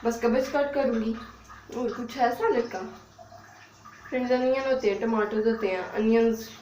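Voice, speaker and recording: A woman's voice: a little high, steady tone, normal speed, mellow, slight background noise, rough recording. A young woman casually talking viewers through cooking in her home kitchen, chatty and giggly. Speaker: vlogger.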